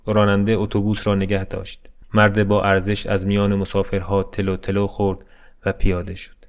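A man narrating a short story in a measured, subdued reading. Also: lowish voice, completely flat delivery.

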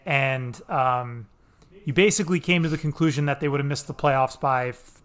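A man with a mid-range voice hosting a sports podcast. He moderates in a relaxed, rambling way, full of little fillers as he steers the conversation. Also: medium pitch, normal speed, smooth. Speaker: podcast host. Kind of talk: casual sports podcast chat.

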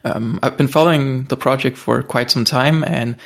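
A man's voice: medium pitch, moderate pace, creaky, fairly bright tone. A man co-hosting a casual podcast, explaining at length with frequent hesitations. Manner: explanatory, hesitant with many ums. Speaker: podcast co-host. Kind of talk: casual chat.

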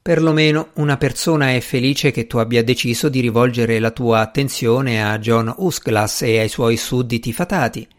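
A man's voice: medium pitch, moderate pace, hardly any pauses, close to an everyday voice. A man voicing a good-natured young woman in an audiobook, earnest and a little teasing. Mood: playful.

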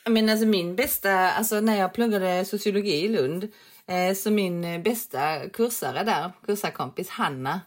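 A woman with a Scanian Swedish accent chatting casually as a co-host, telling stories in a lively, animated way. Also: mid-range voice. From southern Sweden. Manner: lively storyteller, animated, laughs often. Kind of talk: casual chat.

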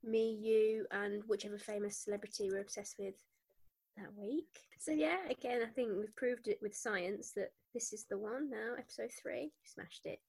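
A woman's voice: medium pitch, fairly even intonation, normal speed, darkish tone, slightly rough. A woman co-hosting a casual podcast, playful and joking. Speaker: podcast co-host. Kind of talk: casual chat.

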